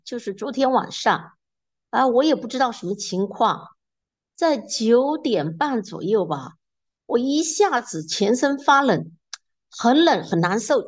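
A woman's voice: a little high, breathy edge. A woman giving a spoken religious testimony as a course participant, in a plain step-by-step account.

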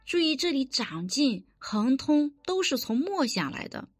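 Lively woman preaching a sermon. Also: high-pitched, measured pace, no room sound, studio quality. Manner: earnest, instructive, quotes scripture.

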